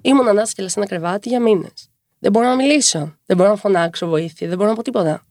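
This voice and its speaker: A woman in her twenties, a podcast guest who talks quickly and tells her story with wry humor. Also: medium pitch, no room sound, studio quality. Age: 20s. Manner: fast-talking, lively storytelling with wry humor. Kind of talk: casual conversational interview.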